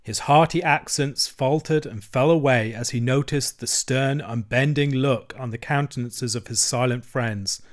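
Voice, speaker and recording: Man reading a storybook aloud. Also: mid-range voice. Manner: measured, expressive reading. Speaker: reader. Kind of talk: storybook narration.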